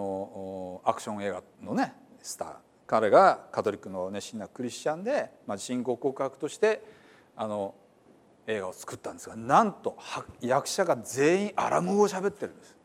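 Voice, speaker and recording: Male pastor, conversational sermon delivery, lively pitch, plenty of fillers. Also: normal speed. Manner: conversational, explanatory, many fillers. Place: church.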